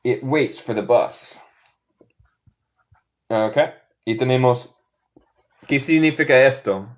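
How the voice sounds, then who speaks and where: Speaking Spanish to teach English as a second language in a live online lesson, a young Midwestern-accented man from the northern US goes slowly and says every example sentence several times over. His voice sits at a medium pitch.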